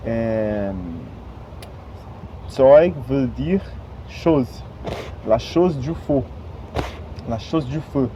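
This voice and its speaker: This man, a language learner whose first language is Portuguese, delivers an expressive, casual vlog monologue at a slow, halting pace, full of fillers and pauses while he searches for words. His voice is pitched in the middle. Traffic noise from the surrounding street comes through clearly on the dull, lo-fi outdoor recording.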